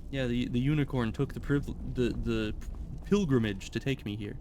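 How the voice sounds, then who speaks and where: A man's voice: mid-range voice, normal speed, warm tone, a little hiss or hum. Rambling male gaming streamer. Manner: rambling, thinking aloud, many restarts. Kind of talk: casual gameplay commentary.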